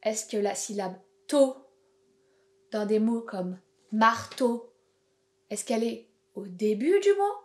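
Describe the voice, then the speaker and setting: A woman, a preschool teacher giving a home-school video lesson to young children in a slow, clear, encouraging way. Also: fairly high pitch.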